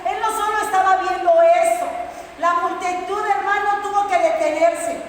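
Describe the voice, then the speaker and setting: A woman's voice: very high voice, fairly even intonation, normal speed. A woman preaching a sermon, asking the congregation questions and telling the story with energy. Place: church hall. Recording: echoey hall from far off, faint noise.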